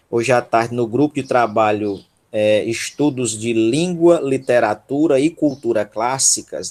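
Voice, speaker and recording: With a mid-range, slightly mellow voice, this man coaches students through Greek one syllable at a time in an online workshop. His accent is Brazilian Portuguese, and he stays patient and encouraging, asking after his learners frequently.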